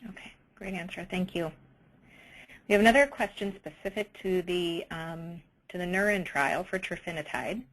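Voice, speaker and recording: Low-voiced woman moderating a webinar. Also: moderate pace, low-quality recording. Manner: friendly, conversational, reads out audience questions.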